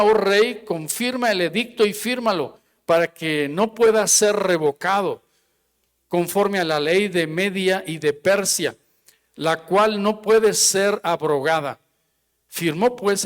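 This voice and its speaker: A man's voice: high voice, unhurried. A male preacher delivers a sermon in a church, reading scripture aloud and then explaining it with rhetorical questions. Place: church sanctuary. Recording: long church hall reverb.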